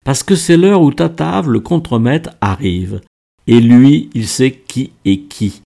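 A man's voice: mid-range voice, slow, vocal fry, mellow. A man voicing an anxious young factory worker who earnestly lays out a plan, within a read-aloud story. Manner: earnest, explaining plans in detail.

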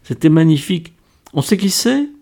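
A man reading an audiobook, voicing an excitable young woman who runs a dance show, in a breathless, gushing way. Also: a little high, moderate pace, gravelly, pitched above the performer's own voice, heavily acted. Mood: eager.

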